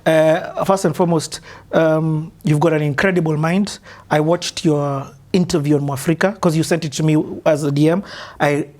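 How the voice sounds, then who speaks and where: A man's voice: fairly high pitch, steady tone, normal speed, a little mellow. A man with a Kenyan accent hosting a casual interview, chatty, laughing often and slipping into Swahili. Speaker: podcast host.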